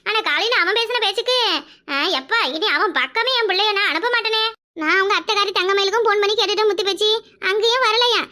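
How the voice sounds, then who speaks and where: A woman's voice: very high voice, fast, sharp tone. A woman voicing a suspicious, confiding village mother, with a Kanyakumari Tamil accent.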